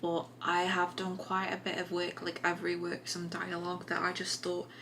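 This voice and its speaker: A woman's voice: lowish voice, moderate pace, a little hiss or hum. Chatty woman vlogging at home. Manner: relaxed, chatty, many fillers and restarts. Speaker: writing vlogger. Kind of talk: casual vlog narration. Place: home desk.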